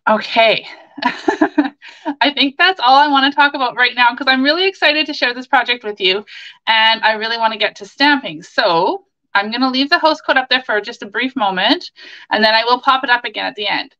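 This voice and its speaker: A Canadian woman in her forties hosts a casual crafting livestream with chatty enthusiasm. Her voice is fairly high and very bright. The sound is slightly dull, as if caught by a webcam mic in a small home office. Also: normal speed. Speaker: craft demonstrator and livestream host.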